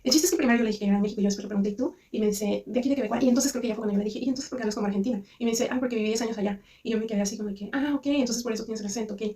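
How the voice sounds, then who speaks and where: A woman's voice: on the high side, steady tone, rapid-fire, hardly any pauses, warm tone, recorded from a distance. A young Mexican woman with a Mexican accent telling a personal story in a rambling, chatty vlog monologue full of restarts. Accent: Mexican Spanish. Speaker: vlogger.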